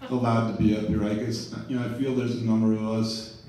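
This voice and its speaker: A middle-aged man gives an informal memorial speech, wandering through his thoughts with constant fillers and dry little jokes. His voice is dark and mellow, and it is picked up from a distance in a very echoey room with faint ambient noise behind it. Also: on the low side, little pitch movement, a little fast. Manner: rambling, full of "you know", wry jokes. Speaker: eulogy speaker. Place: large event room.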